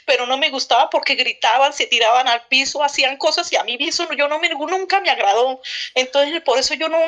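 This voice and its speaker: Middle-aged woman, high voice, fervent and emotional personal testimony. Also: fairly bright tone. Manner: emotional, repetitive, fervent storytelling. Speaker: church member giving testimony.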